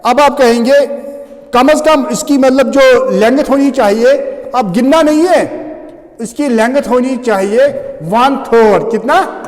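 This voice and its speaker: A man's voice: very high voice, slow pace, in a large hall. A man teaching English grammar in a classroom, mixing Hindi and English and often checking whether students follow. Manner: mixes Hindi and English, keeps asking "समझ आ रहा है?". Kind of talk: classroom lecture.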